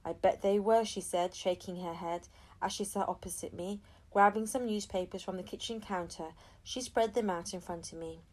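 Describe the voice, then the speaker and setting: Reading a children's story aloud for an audiobook, this woman performs the characters' lines expressively in between the narration. She has a lowish, slightly mellow voice with a steady tone and a normal speaking speed.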